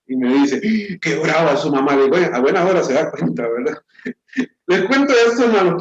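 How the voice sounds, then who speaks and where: Lively Costa Rican pastor, echoey and dull. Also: male voice, a little high. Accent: Costa Rican Spanish. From Costa Rica. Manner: animated storyteller, acts out voices in quotes. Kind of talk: sermon with personal story. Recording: echoey, dull church recording.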